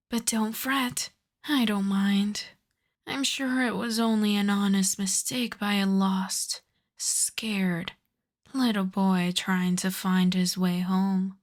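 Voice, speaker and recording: A woman playing an ancient aristocratic vampire countess in an ASMR roleplay, soft and breathy with whispers, speaking in a refined, coy, teasing way. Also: fairly high pitch. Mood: sweetly condescending. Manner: refined, coy, formal old-fashioned phrasing. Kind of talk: ASMR roleplay, slow intimate scripted monologue.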